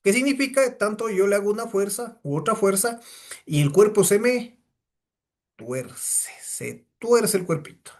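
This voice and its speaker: A man's voice: high-pitched, expressive, a little slow. A man teaching a physics class, lecturing and firing questions at his students. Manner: asks the class many rhetorical questions.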